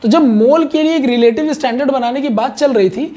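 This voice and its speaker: A brisk man with a very high voice and a dark tone teaches an online chemistry lesson, explaining in a conversational, repetitive way and checking in with his students often.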